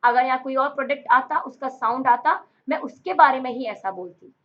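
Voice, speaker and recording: A woman with a fairly high voice and an Indian accent teaches vocabulary for competitive exams. She switches freely between Hindi and English and drills each word with repetition and memory tricks. The recording sounds a little muffled and lo-fi. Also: a little fast. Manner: explains with memory tricks, repeats key words; mixes English into Hindi speech. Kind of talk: exam-prep vocabulary lesson.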